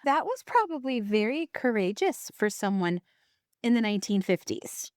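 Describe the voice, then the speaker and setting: A woman's voice: fairly high pitch, very animated, normal speed, no room sound, studio quality. A middle-aged woman hosting a podcast, asking questions and reacting with short responses in a casual interview. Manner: warm, prompting questions, brief reactions. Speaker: podcast host.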